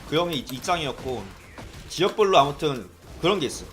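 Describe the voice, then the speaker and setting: A young man from South Korea casually telling stories, animated and often mimicking people he quotes. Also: on the high side, a little fast, soft background music. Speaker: streamer recalling arcade days. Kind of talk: casual storytelling chat.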